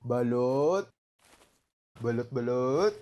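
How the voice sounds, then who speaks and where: A man playing a Filipino street balut vendor in a video game, calling out his wares in a drawn-out, repetitive sing-song hawking cry. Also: medium pitch, lively intonation, warm tone.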